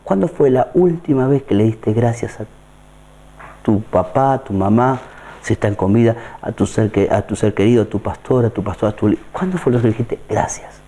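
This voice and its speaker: A man's voice: on the low side, normal speed, dark tone. A man preaching a sermon, who keeps putting questions to his listeners. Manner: asks the listeners repeated questions.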